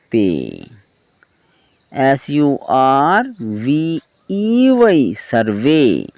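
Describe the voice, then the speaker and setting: A man teaching pronunciation at a very slow, deliberate pace, spelling each word letter by letter before saying it. His voice sits a little high for a man and sounds close and dry, with faint insects chirping behind. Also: darkish tone, no room sound. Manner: slow, spells words letter by letter, asks "clear?". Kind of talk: explaining English spelling rules.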